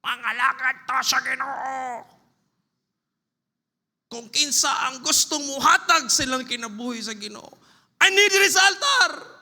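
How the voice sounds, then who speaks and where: A man voicing a fiery preacher calling people forward to the altar, shouting with a pleading manner, in a church hall with long reverb. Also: extremely high pitch, a little slow, pauses often, pitched above the performer's own voice, exaggerated voice. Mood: urgent, shouting.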